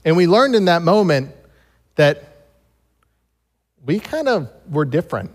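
An American pastor preaches to a congregation in a large, reverberant room, his slightly high voice very animated yet unhurried. He shifts between reading scripture and telling personal stories, and the recording carries a long hall reverb.

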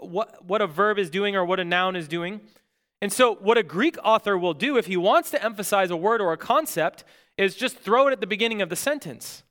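A man preaching a sermon as pastor, earnest and emphatic, with dramatic pauses, asking the congregation questions and answering them himself. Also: high-pitched, a bit bright.

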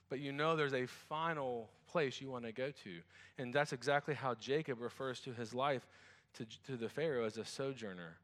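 A man's voice: medium pitch, a bit bright, big-room sound. A man preaching as a pastor. He reads scripture, prays, then talks to the congregation in a conversational way with restarts and asides. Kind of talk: sermon with scripture reading and prayer.

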